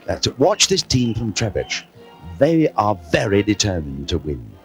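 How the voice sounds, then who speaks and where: A man commentating live on a team game show, excitable and playful, breaking into quoted verse. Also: fairly low pitch, unhurried, soft background music. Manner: excitable, quoting verse, mock French asides. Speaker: TV sports commentator.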